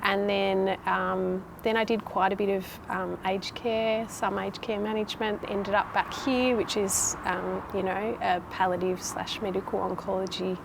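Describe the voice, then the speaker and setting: A woman's voice: mid-range voice, level tone, a little slow, creaky, few pauses. A woman in her thirties with a Tasmanian Australian accent, answering interview questions in a casual, conversational way as a nurse manager. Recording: noticeable background noise.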